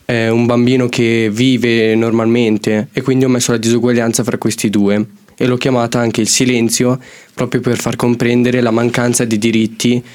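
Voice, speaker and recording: A man's voice: medium pitch, normal speed. A teenage boy, a student, explaining his poem hesitantly and then reading it out. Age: teens. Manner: hesitant when talking, steady when reading. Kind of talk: poetry reading.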